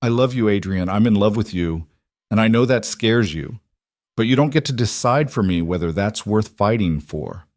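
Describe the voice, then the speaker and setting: A man's voice: fairly low pitch, lively intonation, normal speed, a little mellow, dry recording, studio quality, natural voice. A man voicing a distraught young woman who pleads and argues with a lover, in a dramatic story reading. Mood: raw. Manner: pleading, heated. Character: distraught young woman, fierce, desperate in love.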